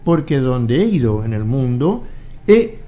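Speaking in a sing-song, mid-range voice with a dark tone, a little slowly, an Argentine man in his eighties tells his story animatedly as a studio interview guest. He acts out old conversations in his Argentine Spanish accent, recorded on a studio mic on a boom arm in a studio with photos on the walls.

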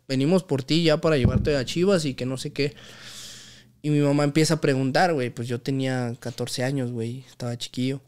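A man's voice: a little high, darkish tone, clean tone. A young man from Mexico City with a chilango accent, casually telling stories as a podcast guest, full of slang and "güey". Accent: Mexico City Spanish. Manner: slangy, says "güey" constantly, acts out quoted voices. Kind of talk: casual storytelling chat.

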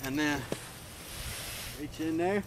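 Speaking slowly in a voice on the high side, a young camping vlogger wanders through a relaxed tour of his riverside campsite, chuckling frequently. It's captured outdoors on a handheld camera mic with faint background noise.

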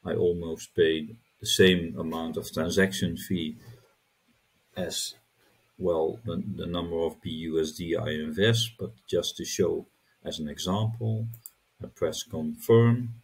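Middle-aged man, tutorial host: deep and husky, unhurried, halting, repeats words as he clicks. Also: fairly even intonation. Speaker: crypto channel host. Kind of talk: screen-recorded tutorial walkthrough.

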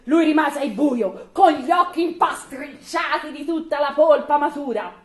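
A woman reading a folk tale aloud at a live evening event, expressive with laughing asides. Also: high voice, measured pace. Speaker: storyteller. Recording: echoey room.

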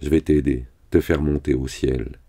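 A man's voice: rumbling low, steady tone, normal speed, warm tone. Man reading as a crude menacing cartel gunman.

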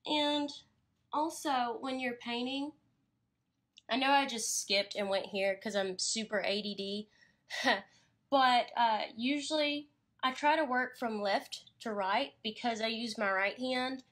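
A woman's voice: a little high, slow pace, fairly bright tone. A young woman painter chatting casually during a live studio stream, rambling a little and laughing easily, recorded on her phone in her studio. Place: her art studio, indoors.

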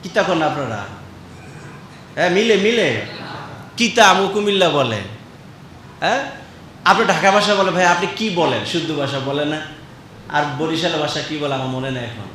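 Bright echoing male preacher from Comilla. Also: on the high side, expressive, moderate pace, long pauses, slight background noise. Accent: Comilla Bengali. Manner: calls out to the crowd, swings from loud to quiet. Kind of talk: sermon.

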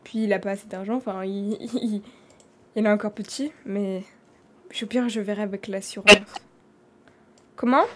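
A woman with a French accent, a streamer doing live game role-play, talking in an animated and dramatic way. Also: medium pitch. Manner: animated, dramatic, quick swings in loudness.

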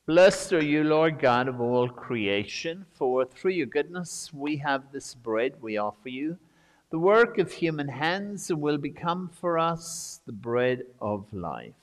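A priest leading the prayers of Mass, intoning slowly and steadily as a cathedral echo trails after his words. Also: a little high, very animated. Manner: slow, measured intoning. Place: large church. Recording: long church reverb.

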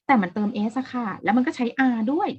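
A woman's voice: fairly high pitch, expressive, quick pace, lo-fi sound. A woman teaching an English exam-prep lesson in a casual way, explaining step by step, repeating key words and asking the viewer questions.

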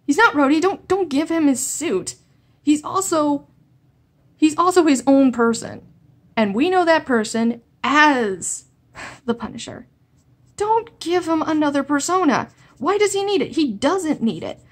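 A woman's voice: high voice, animated, unhurried. A woman ranting in a vlog, exasperated and sarcastic, often stumbling and restarting her sentences. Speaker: comic-book video blogger.

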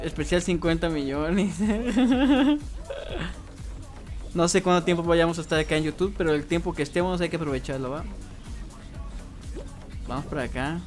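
On his gaming livestream, a young streamer with a Mexican accent reads out viewer comments and replies in a relaxed, chatty way. He speaks in a high-leaning voice at a moderate pace, leaving long pauses, over faint background music.

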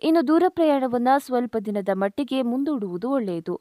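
Woman reading an astrology script, kinda high voice, dry close sound. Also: fairly quick, no echo. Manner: steady, read-aloud delivery addressing viewers. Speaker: astrology channel narrator. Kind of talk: scripted narration.

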